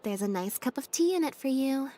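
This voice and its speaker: Voicing a video game magician's assistant, an actress gives a young woman a calm, deadpan, understated delivery that stays dryly matter-of-fact. She speaks in a high voice at a fairly quick pace.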